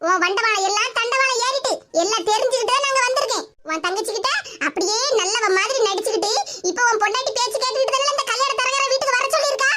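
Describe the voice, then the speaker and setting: This is a woman acting out a fierce old mother in a cartoon comedy. She has a southern Tamil accent and a shrill, very high voice. She talks fast and accusingly, over loud background noise. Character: fierce old mother, scolding her son.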